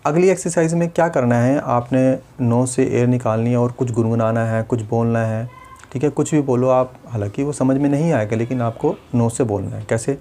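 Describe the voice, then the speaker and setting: Guy teaching speech exercises, patient, mid-pitch voice. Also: brisk, mellow, a little hiss or hum. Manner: patient, step-by-step, demonstrates sounds. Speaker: speech therapist. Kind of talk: instructional demonstration.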